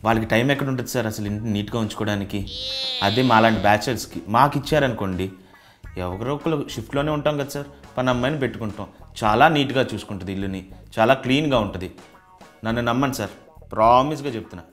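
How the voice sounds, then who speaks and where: A man's voice: medium pitch, very fast, a bit bright, soft background music. A young man, a bachelor tenant, earnestly persuading a house owner in a comedy sketch, saying "sir" again and again.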